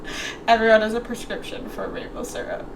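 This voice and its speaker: A woman's voice: fairly high pitch, steady tone, a little fast, vocal fry, background noise. A young woman from Canada co-hosting a casual vlog, cheerful and giggling often. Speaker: vlog co-host. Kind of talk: casual chat.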